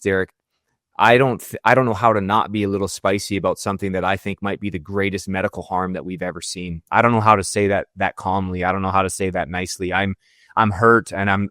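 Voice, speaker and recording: A man's voice: low voice, a bit bright, no echo, studio quality. A middle-aged Canadian man, a football coach, answering in an interview, earnest and emotional. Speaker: high school football coach. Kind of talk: interview guest.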